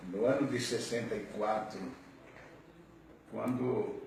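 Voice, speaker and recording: An older man, a pastor, telling his personal testimony in a slow, earnest way. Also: mid-range voice, steady tone, gravelly, a little mellow, slight background noise. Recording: very echoey, distant mic.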